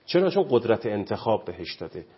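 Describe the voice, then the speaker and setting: Man, husky, lowish voice, preachy, impassioned talk, muffled lo-fi sound. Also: big pitch swings. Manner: preachy, impassioned, quotes scripture. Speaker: guest expert on parenting. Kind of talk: animated studio talk.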